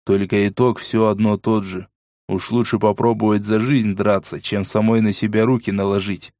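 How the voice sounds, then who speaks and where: Man voicing a gruff, sardonic armed man. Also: level tone, moderate pace, darkish tone, dry recording, studio quality, natural voice. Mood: gruff, wry. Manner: curt, low and sardonic. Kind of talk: audiobook character voice.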